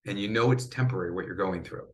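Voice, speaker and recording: A man's voice: deep voice, quick pace, darkish tone. A middle-aged man, a cancer survivor and advocate, speaking earnestly in a podcast interview and getting choked up at times.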